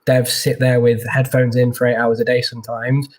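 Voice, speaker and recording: A man's voice: medium pitch, little pitch movement, moderate pace. A man working as a tech recruiter, chatting casually in an interview with lots of fillers and restarts, heard over a video call.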